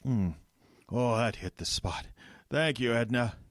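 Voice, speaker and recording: An actor playing a kindly, weary old Santa Claus in a folksy radio comedy drama. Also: male voice, medium pitch, a little slow, natural voice.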